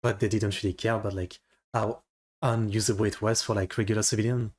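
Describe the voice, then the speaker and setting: A man with a French accent, whose first language is French, giving casual reaction commentary in a halting way with many fillers and restarts. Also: on the low side, little pitch movement. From France. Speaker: video reactor.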